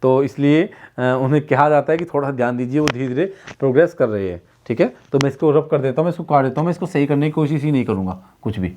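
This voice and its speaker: A man's voice: mid-range voice, fast, hardly any pauses, dark tone, slight background noise. A man teaching an online exam-prep Hindi class, who keeps asking questions and repeating the answers so students can follow.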